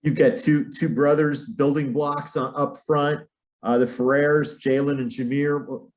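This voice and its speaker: A man's voice: a little high, fairly even intonation, a little slow. A man working as a sports interviewer, putting questions in a conversational way.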